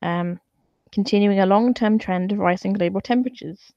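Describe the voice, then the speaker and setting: A woman's voice: mid-range voice, moderate pace, mellow, no room sound, lo-fi sound. A woman talking to camera in an opinionated vlog, exasperated and sarcastic, swearing freely as she reads out and explains graphs. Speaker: vlogger.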